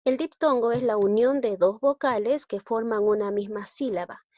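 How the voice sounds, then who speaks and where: A woman's voice: a little high, normal speed, mellow, no echo. Patient woman teacher, dull dry recording. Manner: patient, explanatory, checks in with the listener. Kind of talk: recorded grammar lesson.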